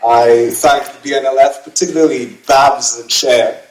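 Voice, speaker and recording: A man's voice: mid-range voice, fairly even intonation, normal speed. Earnest young man, echoey banquet hall. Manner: earnest, uplifting, rhetorical. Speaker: award winner giving acceptance speech. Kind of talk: formal acceptance speech. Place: banquet hall at gala dinner.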